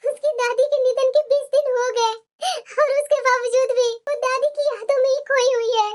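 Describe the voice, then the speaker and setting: A woman's voice: extremely high pitch, fairly even intonation, normal speed. A woman voicing a loyal, kind middle-aged maid in a cartoon, speaking humbly and soothingly. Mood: worried. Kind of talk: cartoon voice acting.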